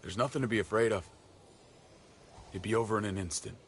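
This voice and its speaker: A man's voice: lowish voice, a little fast, slight background noise, lightly acted. An actor playing a hardened, curt militia leader and estranged father in a dramatic video game. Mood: bitter, brooding. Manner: curt, commanding.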